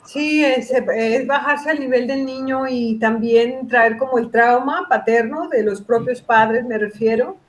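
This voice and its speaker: A woman's voice: on the high side, unhurried, hardly any pauses. A middle-aged woman, a psychologist talking through a casual podcast conversation and explaining her points with examples and quoted dialogue. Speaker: guest psychologist.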